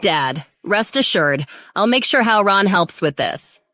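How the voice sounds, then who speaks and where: A woman's voice: medium pitch, animated, a little slow, bright, forceful tone, dry recording. A woman dubbing an arrogant, spoiled young heiress who talks down to everyone, recorded dry in a studio. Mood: scheming. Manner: sneering, haughty. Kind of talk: English drama dub.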